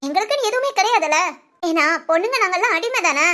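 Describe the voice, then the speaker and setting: A woman voicing a tearful young wife who complains bitterly, her voice breaking into sobs, in an animated family story. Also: very high voice, fast talker. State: crying.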